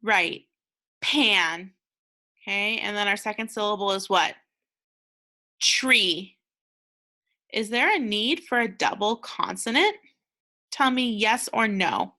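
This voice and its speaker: An American woman teaching a slow, clear phonics lesson to young children, patient and encouraging, pausing for answers. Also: mid-range voice, expressive, sharp tone. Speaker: second grade teacher.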